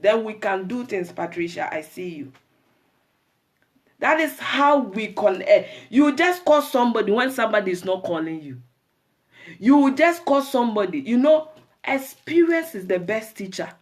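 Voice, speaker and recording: A woman with a Ghanaian accent hosting a live talk show, chatting with viewers, greeting them by name and giving advice to women. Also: mid-range voice.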